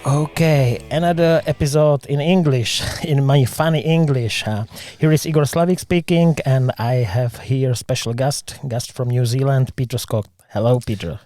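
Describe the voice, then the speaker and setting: A man whose first language is Czech hosts a casual interview in halting English, with many pauses and fillers. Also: mid-range voice, warm tone, no room sound. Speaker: podcast host.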